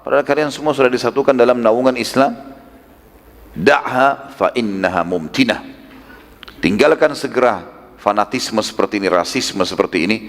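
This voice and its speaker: An Islamic preacher gives a religious lecture retelling prophetic history, speaking conversationally and emphatically with rhetorical questions and casual asides. His voice is medium-pitched at a normal speed, and the recording has a long hall reverb.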